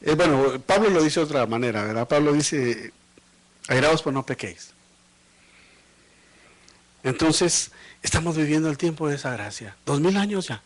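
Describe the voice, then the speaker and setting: A man preaching a sermon as pastor. He speaks to the congregation with rhetorical questions and swings between loud emphatic lines and low, quiet ones. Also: lively intonation, normal speed, pauses often. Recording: livestream of a live church service.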